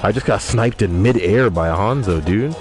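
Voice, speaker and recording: On a casual gaming livestream, a young man with a low-ish, animated voice speaks at normal speed. He reads out what viewers write and jokes in a crude, profane way, with music behind his voice.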